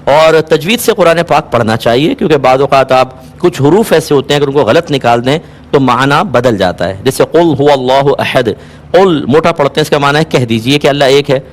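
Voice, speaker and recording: A man answering viewers' religious questions on a call-in show, calm and explanatory, asking listeners to check they follow. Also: mid-range voice. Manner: calm, explanatory, patient advice; asks rhetorical checks, occasionally amused.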